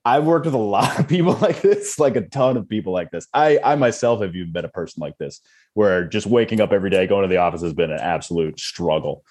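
Low-voiced man, animated and laughing. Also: fast. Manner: animated, acts out others' complaints, laughs often. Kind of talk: casual chat.

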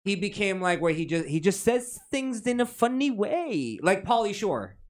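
Brief: male podcast co-host, pitched a bit high, argumentative and jokey in casual chat. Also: very animated, moderate pace. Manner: argumentative, joking, laughs often.

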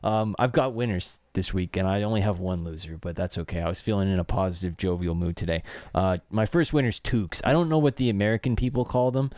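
A man's voice: low-pitched, fast talker, hardly any pauses, a little mellow, dry recording. A man from Canada hosting a casual sports podcast, easygoing with dry understated humor. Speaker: podcast host.

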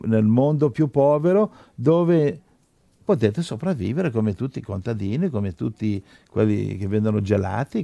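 A man's voice: on the low side, creaky, dark tone, dry recording. A man preaching a sermon and leading a Bible study, exhorting his listeners and often stumbling through repeated restarts.

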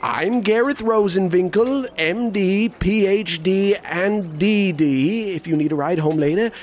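A man's voice: high-pitched, a little slow, a little hiss or hum. An actor playing a self-important, courteous travelling dentist with a formal salesman's manner in a comic audio drama. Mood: smooth, courteous.

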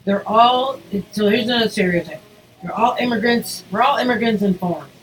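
A woman's voice: fairly high pitch, a little fast, faint music behind, poor audio. A woman hosting a casual podcast, leading the discussion and teasing her co-hosts. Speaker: host reading topics.

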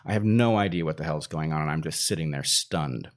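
Low-voiced man telling a rambling story. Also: fairly quick. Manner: rambling, self-interrupting with fillers. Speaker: storyteller guest. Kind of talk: casual anecdote.

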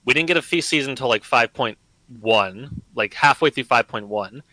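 A man's voice: medium pitch, moderate pace, pushed and bright, no echo, poor audio. A man on a gaming podcast, emphatic, building his points and checking in with listeners. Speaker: podcast guest. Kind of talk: casual gaming discussion.

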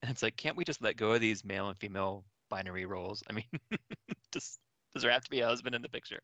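A man's voice: fairly low pitch, quick pace, bright, forceful tone, no room sound. A man co-hosting a podcast, making wry, joking remarks about a film. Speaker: podcast co-host. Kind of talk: casual movie discussion.

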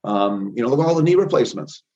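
An energy healer in his fifties, appearing as a guest on a call, speaks in a medium-pitched, expressive, slightly mellow voice at a fast clip. In casual interview talk he is emphatic, repeats himself, and sounds very self-assured, though the recording is muffled.

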